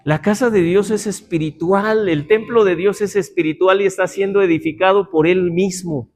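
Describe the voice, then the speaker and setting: A man with a notably high voice leads a Bible class in a church meeting room. He teaches in a chatty, informal way, mixing doctrine with jokes and rhetorical questions aimed at the class. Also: steady tone, normal speed.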